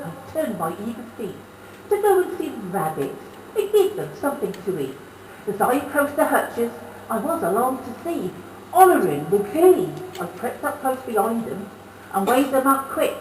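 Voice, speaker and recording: Woman reciting comic verse on a stage. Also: a little high. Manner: broad, theatrical delivery with dialect. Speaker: stage performer. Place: social club stage, amateur variety show. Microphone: distant camera mic. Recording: echoey hall from far off, faint hiss.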